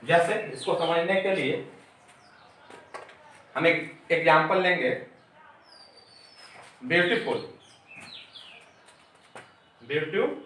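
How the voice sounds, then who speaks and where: A man's voice: a little high, takes it slowly, pauses often, fairly bright tone, slight background noise. A man teacher explaining a grammar lesson step by step, repeating his key terms. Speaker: English teacher. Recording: very echoey room, mic far off.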